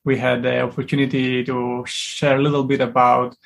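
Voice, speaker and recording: A man from Italy with an Italian accent, speaking in a measured way with frequent pauses as a podcast guest. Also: medium pitch, completely flat delivery, gravelly. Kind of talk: casual conversation.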